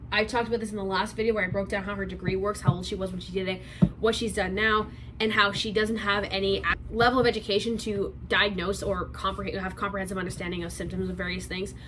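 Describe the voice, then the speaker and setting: A twenty-year-old woman giving a sarcastic commentary vlog, rambling fast and correcting herself as she goes. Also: mid-range voice, steady tone, fairly bright tone, a little hiss or hum, rough recording. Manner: sarcastic, rapid rambling with restarts. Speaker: commentary YouTuber.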